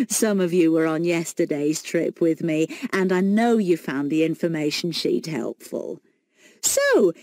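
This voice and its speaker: A woman playing a friendly, organised tour guide, speaking in a measured, scripted way for a listening exercise. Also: lowish voice, mellow, no echo, studio quality. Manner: measured, clearly phrased announcing. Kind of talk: scripted listening-test monologue.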